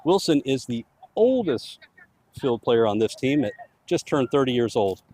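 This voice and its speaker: A man's voice: medium pitch, sing-song, moderate pace, darkish tone, slight background noise. A man giving casual, chatty live commentary on a soccer match for the home club. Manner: chatty, easygoing, laughs easily.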